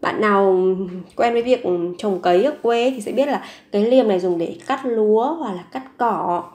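Here a woman with a darkish, medium-pitched voice teaches vocabulary at a normal pace. Her method is to repeat each word slowly three times and then explain it with patience.

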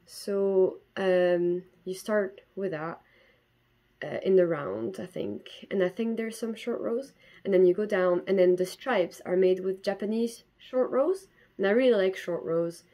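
A Belgian woman in her twenties hosts a knitting podcast from her bedroom, chatting casually to a camera in front of her at desk distance. Her medium-pitched voice is dark in tone and a little slow, and she often uses fillers and restarts sentences.

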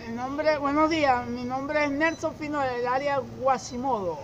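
A middle-aged man from Zulia with a Venezuelan accent, answering a street interview haltingly and often repeating words. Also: extremely high pitch. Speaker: interviewee, former street newspaper seller. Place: outdoor fruit stall on a city street. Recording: muffled, with loud street noise.

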